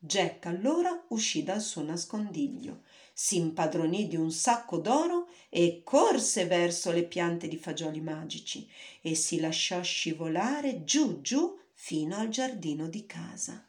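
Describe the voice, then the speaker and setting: A woman's voice: lowish voice, very animated, unhurried, darkish tone. A woman narrating a fairy tale in a storybook reading, with careful storytelling.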